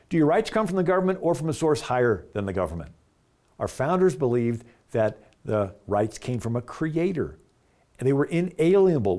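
A man's voice: on the high side, a little mellow. A man narrating as host, earnest and explanatory, dropping his voice at the ends of phrases.

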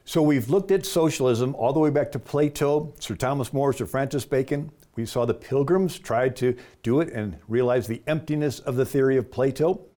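A man's voice: medium pitch, moderate pace, few pauses, warm tone. A man narrating as host, earnest and explanatory, dropping his voice at the ends of phrases.

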